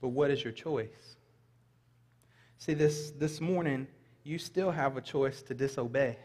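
A man's voice: medium pitch, a little slow, a little mellow. A middle-aged man preaching a sermon in a large church sanctuary, reading scripture aloud and adding light asides to the congregation. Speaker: pastor. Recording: long reverb of a large hall.

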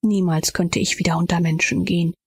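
Woman, audiobook reader, inner monologue, hushed whispering, very breathy husky voice, gravelly edge. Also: on the low side, fairly even intonation, brisk, no room sound, clean studio sound. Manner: often drops to a hushed whisper.

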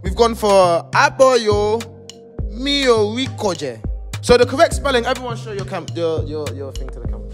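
A man's voice: high voice, very animated, normal speed, soft background music. A young man hosting a dating game show in a studio, holding a mic, playful and teasing. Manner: playful, teasing, laughs a lot. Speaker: host. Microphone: handheld mic.

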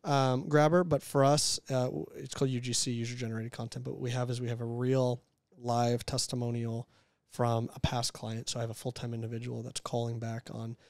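Here a thirtysomething entrepreneur talks openly as an interview guest, lively and eager to perform the quotes he recounts. His pitch sits in the middle, and the recording has no echo.

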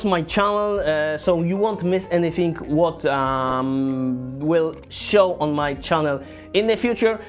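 Reviewing gear in a casual, earnest way, this Polish saxophone teacher in his thirties speaks halting non-native English with a Polish accent and a voice that sits high. The sound comes from a camera mic a few feet from him in a small home studio.

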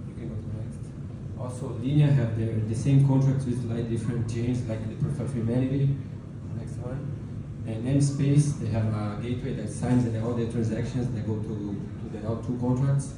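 A man's voice: mid-range voice, steady tone, normal speed, distant mic. Very roomy male conference presenter, noisy recording. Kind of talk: informal technical explanation in a lightning talk. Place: medium conference room, indoors. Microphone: handheld mic through PA, picked up by a distant camera.

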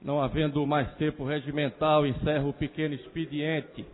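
A council president reads out procedure in a flat, formal tone. His pitch barely moves and sits slightly high. The sound comes through a thin, phone-like feed with a long chamber reverb. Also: normal speed, a little hiss or hum. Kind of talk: procedural announcement. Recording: reverberant chamber over a tinny narrow-band feed.

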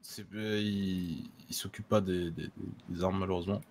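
A man's voice: deep voice, steady tone, moderate pace, a little mellow. A man playing a helpful, patient townsman in a western roleplay, hesitant and full of fillers. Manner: hesitant, many 'euh' fillers. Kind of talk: in-character roleplay.

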